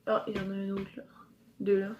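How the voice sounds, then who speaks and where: A woman's voice: mid-range voice, monotone, a little fast, lo-fi sound, very noisy. A woman with a Quebec French accent chatting through a casual giveaway unboxing in her home office, rambling and upbeat. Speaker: YouTuber. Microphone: camera mic.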